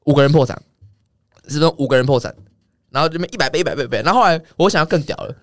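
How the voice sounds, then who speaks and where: A young man tells an animated, profanity-laced anecdote at a breakneck pace. His voice sits a little high for a man and leaps up and down as he talks. The sound is close and dry. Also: dry recording. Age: young adult. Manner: rapid, swearing, animated anecdote telling. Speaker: guest. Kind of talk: casual storytelling chat.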